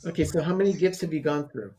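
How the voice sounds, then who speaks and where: A man's voice: a little high, fast talker, warm tone. A man co-hosting a casual movie watch party from his dining room, chatting and greeting viewers. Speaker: co-host.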